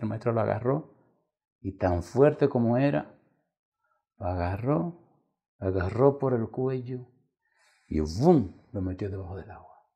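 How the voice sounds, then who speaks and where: A man preaching a sermon as a pastor, telling stories dramatically and swinging between loud emphasis and hushed near-whispers. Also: lowish voice, creaky, breathy edge.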